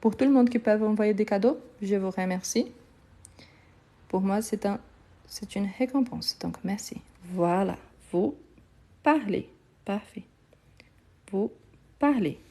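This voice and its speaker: A woman teaches French conjugation live and unhurried, with a mellow, warm tone. She is patient, repeats each word several times and keeps praising the people following along. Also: mid-range voice. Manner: slow, patient, repeats words and praises learners. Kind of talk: live online conjugation lesson.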